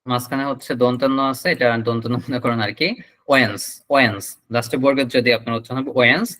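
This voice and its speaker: Bright-voiced Bangladeshi teacher lecturing online. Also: male voice, mid-range voice, level tone, poor audio. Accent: Bangladeshi Bengali. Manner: explanatory, drawn-out word demonstrations. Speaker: English teacher. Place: online class.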